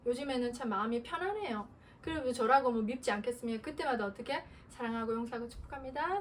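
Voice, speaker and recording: High-voiced woman pastor preaching from afar. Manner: earnest preaching, laughing and acting out prayers. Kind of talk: sermon. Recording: distant mic with faint noise.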